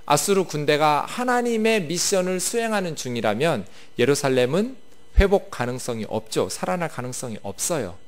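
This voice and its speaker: A male pastor giving a sermon, explaining a passage and asking the congregation questions. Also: fairly high pitch.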